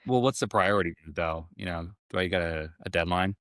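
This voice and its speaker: A man's voice: sits low, fairly quick, fairly bright tone, no echo, clean studio sound. A man guesting on a podcast, laid back in casual chat with lots of filler words.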